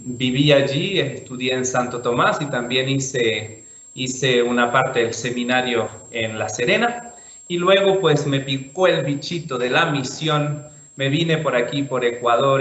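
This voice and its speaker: Male priest presenting over a video call; easygoing, halting delivery, echoey and muffled. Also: a little high. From Chile. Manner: relaxed, thinks aloud with fillers and restarts. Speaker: priest giving a talk. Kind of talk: online talk with slides. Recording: roomy, dull video call audio.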